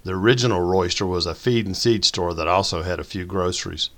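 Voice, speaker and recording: A man narrating an audiobook in a folksy, measured way. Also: deep voice.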